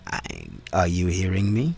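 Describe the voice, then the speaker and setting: A man with a very low voice hosts a live call, stumbling over his words and circling back. Faint music sits under his voice. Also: animated, a little mellow. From Haiti. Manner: halting, repeats words and restarts often. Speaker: host and community organizer. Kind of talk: live-stream conversation. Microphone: phone or call setup.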